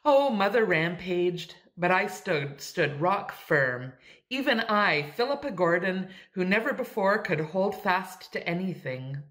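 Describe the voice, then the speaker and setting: A woman's voice: mid-range voice, lively intonation, measured pace, few pauses, a bit bright, pitched above the performer's own voice. A woman reading aloud, voicing a bold, slangy young woman in a raised, emphatic voice. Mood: teasing.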